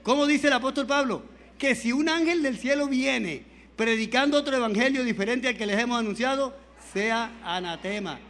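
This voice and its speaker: A male Pentecostal preacher giving a fervent sermon, swinging between quiet pleading and shouting, calling on the congregation for amens. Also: very high voice, moderate pace.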